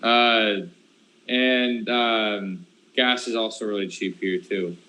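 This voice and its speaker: A man's voice: on the low side, fairly even intonation, takes it slowly, pushed and bright, a little hiss or hum, rough recording. A man chatting casually as a guest on a live stream, easygoing and rambling. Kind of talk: casual chat.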